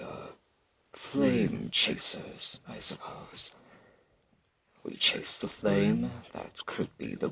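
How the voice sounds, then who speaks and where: Here the same sort of ASMR roleplay has a man with a low, husky, gravelly voice and hissing S sounds exaggerating his part as a curt, clumsy fantasy warrior-knight, halting and dryly dismissive. The sound is lo-fi.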